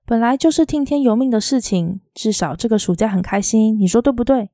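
A calm, kindly small-town schoolteacher, as a woman reads the part. Mellow and warm, with a dry, close sound and a soft, lilting delivery. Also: a little high, a little fast, dry recording, natural voice. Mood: gentle.

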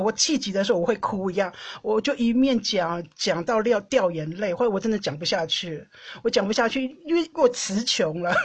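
A Taiwanese woman with a Taiwanese Mandarin accent, hosting a podcast and telling a personal story in an animated, chatty way, often laughing and tagging phrases with a soft "ha". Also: medium pitch, husky. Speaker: podcast host. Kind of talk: casual storytelling monologue.

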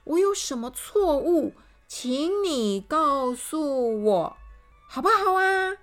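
A woman voicing an overly polite, cheerful gentleman in a children's storybook reading, speaking sweetly and courteously. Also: high-pitched, sing-song, extremely slow, soft background music, voice pushed up, exaggerated voice.

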